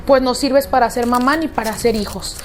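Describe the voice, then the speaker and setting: A man's voice: extremely high pitch, steady tone, normal speed, noisy background. A woman voicing a macho young father who harshly demands a baby boy, in a scolding tone. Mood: demanding.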